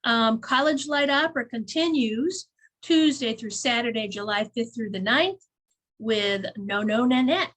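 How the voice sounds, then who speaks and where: A woman with a fairly high voice co-hosts a relaxed community events show. She chats in a loose, friendly way, laughs often and reads event listings aloud. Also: unhurried. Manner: chatty, laughs easily, reads event blurbs. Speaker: chamber of commerce co-host. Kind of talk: casual community events chat.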